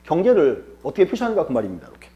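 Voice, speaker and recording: A man's voice: a little high, huge pitch swings, very fast, mellow, highs cut off. A male lecturer teaching an exam-prep class, asking rhetorical questions and answering them himself, repeating key terms for emphasis.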